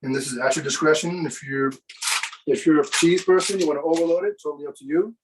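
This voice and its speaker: A man's voice: a little high, fast, recorded from a distance, slight background noise, low-quality recording. Man demoing a recipe, a bit off-mic. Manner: relaxed, chatty, with fillers. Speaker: cooking demo presenter. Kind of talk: live cooking demonstration.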